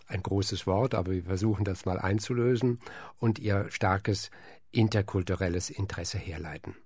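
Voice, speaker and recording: A man's voice: lowish voice, a little mellow, dry recording. A man hosting an interview who asks long, formal, elaborately phrased questions. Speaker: interviewer, host.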